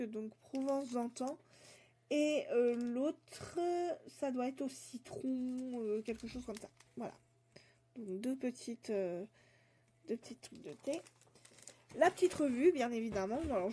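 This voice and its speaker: A woman vlogger chatting casually about books she received, pausing often with fillers and reading back-cover blurbs aloud. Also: high-pitched, warm tone, slightly rough. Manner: hesitant, many fillers and restarts; reads book blurbs aloud. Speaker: book vlogger. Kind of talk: casual book haul chat.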